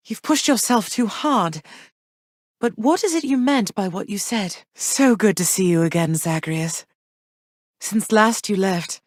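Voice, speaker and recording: A woman voicing Persephone, a regal goddess queen of the underworld and mother, in game voice lines, speaking in a measured, earnest, formal way. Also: mid-range voice, no echo, clean studio sound. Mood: worried, then pondering. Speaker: voice actor.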